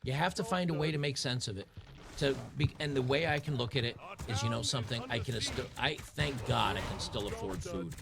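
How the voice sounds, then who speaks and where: A man's voice: medium pitch, a little fast, vocal fry. A man, ranting in a frustrated, sarcastic, rambling way. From Tennessee, USA. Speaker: commentator. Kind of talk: ranting commentary.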